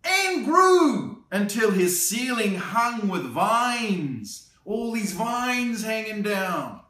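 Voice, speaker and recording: Picked up by a camera on a tripod a few feet from him, a man's unhurried reading of a children's picture book sounds roomy and slightly distant. His voice sits fairly high and brims with play; seated in an armchair in an indoor room, he pauses between pages for happy asides and small laughs.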